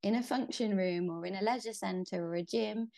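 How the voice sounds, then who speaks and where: A woman with a gravelly, creaky edge to her voice, chatting casually as an interview guest. She rambles and thinks aloud, with plenty of fillers and restarts. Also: mid-range voice, moderate pace, warm tone. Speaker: interview guest, pole athlete. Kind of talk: casual conversation.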